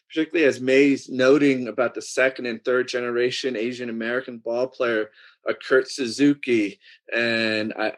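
Male panelist, mid pitch, thinks aloud with lots of uhs. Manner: hesitant, searches for names with fillers.

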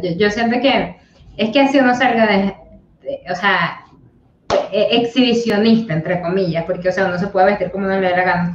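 A woman, co-hosting a casual podcast chat in an emphatic way, with plenty of fillers. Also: mid-range voice. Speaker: podcast co-host. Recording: roomy, slightly dull remote audio with faint noise.

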